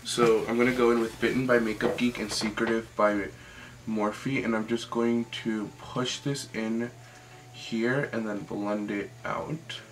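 This makeup tutorial comes from a young man who talks casually and chattily, frequently using "like," over background music. His lowish voice is steady and unhurried, and the recording quality is low.

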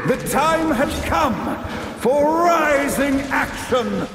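An actor playing a grandiose playwright who narrates a game in a stagy, declamatory way. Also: male voice, very high-pitched, lively intonation, very slow, full character voice. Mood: dramatic. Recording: roomy, distant, noisy game audio.

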